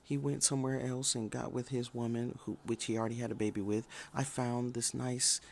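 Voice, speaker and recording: A man's voice: mid-range voice, little pitch movement, fairly quick, creaky, slight background noise, voice pushed up, close to an everyday voice. A man voicing an exasperated woman sitcom character, complaining dramatically about her love life.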